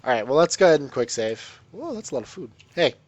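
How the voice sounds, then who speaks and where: A man's voice: on the high side, very animated, fast talker, no echo, dull audio. A man hosting a let's play, giving casual gameplay commentary in a joking, rambling, irreverent way.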